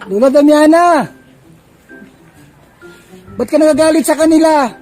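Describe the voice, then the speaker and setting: A man's voice: very high voice, unhurried, a little mellow, faint music behind, rough recording. A man filming a casual vlog, pleading and coaxing an upset elder with repeated questions. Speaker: relative filming and calming grandmother. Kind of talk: casual handheld vlog chat.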